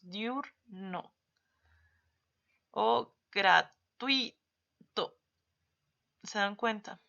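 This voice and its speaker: Woman teacher, bright high voice, patient explainer, dull lo-fi recording. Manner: explains patiently, stretches example words slowly. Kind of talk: recorded spelling lesson.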